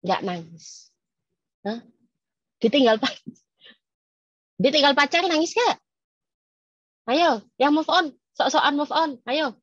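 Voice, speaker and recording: A woman speaking in a casual, lively webinar talk to staff, teasing and quizzing her listeners. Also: sits high, takes it slowly, long pauses, no echo, lo-fi sound.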